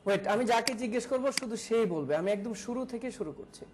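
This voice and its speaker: Female instructor, slightly high voice, lecturing a classroom, faint room noise. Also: animated, quick pace. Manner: questions students one by one, repeats key terms. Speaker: digital marketing instructor. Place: classroom with students.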